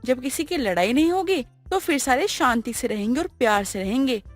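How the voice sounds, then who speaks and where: A woman voicing a soft, gentle young daughter-in-law. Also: high voice, animated, brisk, soft background music. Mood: gentle, calm. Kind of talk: animated moral story dialogue.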